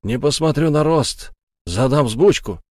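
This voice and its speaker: A man doing a gruff short-tempered villager. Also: mid-range voice, lively intonation, a little slow, a little mellow, dry recording, clean studio sound, pitched above the performer's own voice. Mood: angry. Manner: rough and grumbling.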